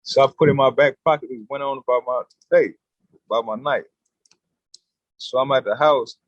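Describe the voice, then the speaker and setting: Husky streetwise man telling a story. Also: mid-range voice, a little fast, dry recording, lo-fi sound. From California. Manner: streetwise slang, animated storytelling. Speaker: guest. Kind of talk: casual storytelling.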